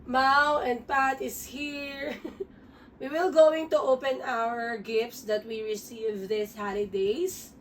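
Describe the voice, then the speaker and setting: A hoarse woman, chatting casually as a vlogger while unboxing gifts at home, switching between English and Tagalog. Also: a little high, steady tone, slow pace. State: hoarse from a sore throat. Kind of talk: casual gift-unboxing chat. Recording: distant mic, faint room noise.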